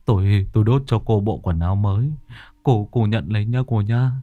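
A man's voice: fairly low pitch, normal speed, dry recording, narrow, tinny audio, natural voice. A man voicing a frightened man who mumbles timidly. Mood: fearful muttering. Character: frightened man muttering a prayer to a ghost.

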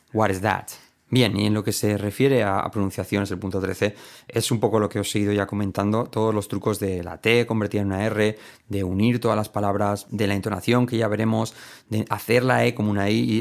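A man's voice: on the low side, creaky. A man from Spain with a Spanish accent, teaching English in a recorded lesson and drilling example phrases over and over. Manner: lively, repeats example phrases, sings snippets.

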